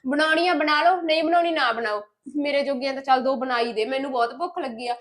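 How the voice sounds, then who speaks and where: A young woman playing a lazy, sharp-tongued young wife who bickers and defies her family in a village family drama. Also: high-pitched, fast talker. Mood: defiant. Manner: defiant, bickering.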